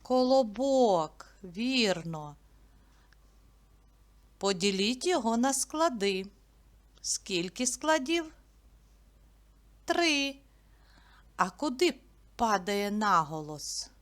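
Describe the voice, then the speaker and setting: Slow, higher-pitched woman teacher. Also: big pitch swings. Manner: asks questions, then answers them herself, stretching words slowly. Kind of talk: slow, clear classroom lesson narration.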